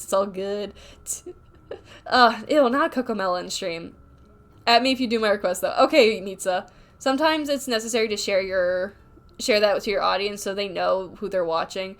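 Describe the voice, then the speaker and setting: Rambling, candid woman streamer. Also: medium pitch. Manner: rambling and candid, many filler words; reads chat messages aloud and reacts. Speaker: livestreamer. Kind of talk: casual livestream chat while drawing.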